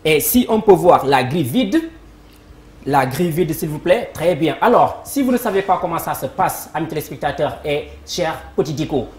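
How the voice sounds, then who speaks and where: A woman's voice: sits low, lively intonation, normal speed, darkish tone. A woman hosting a live TV word game, upbeat, cueing applause and greeting viewers. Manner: upbeat announcer, cues applause and addresses viewers. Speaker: game show host. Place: TV studio. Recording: echoey studio with faint noise.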